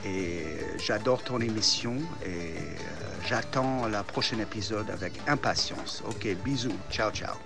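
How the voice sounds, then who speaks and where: A man's voice: on the low side, unhurried, gravelly, hardly any pauses. Hesitant man, music behind. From United States. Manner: hesitant, many fillers and repeated words. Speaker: listener leaving a voice message. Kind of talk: casual spoken message.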